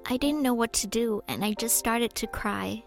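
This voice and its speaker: Woman interpreter voice-over, steady. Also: fairly high pitch, normal speed, gravelly, faint music behind. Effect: interpreter voice-over speaking in first person. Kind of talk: translated first-person testimony from a video.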